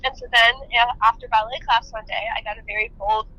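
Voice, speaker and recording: A woman's voice: fairly high pitch, fairly even intonation, quick pace, bright, forceful tone. A young woman on a phone call played over speaker, chatting casually and rambling with lots of fillers. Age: young adult. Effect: heard over a phone on speaker. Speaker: phone-in guest. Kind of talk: casual storytelling. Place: outdoors in the rain. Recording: muffled phone speaker audio.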